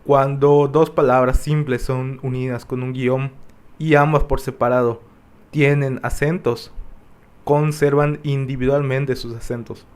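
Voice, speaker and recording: A young man presents spelling rules in a class presentation. He talks at an unhurried pace, reading steadily and pausing now and then on a filler. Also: mid-range voice, little pitch movement, smooth. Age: young adult. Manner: reads explanations steadily, with occasional fillers. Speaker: student presenter.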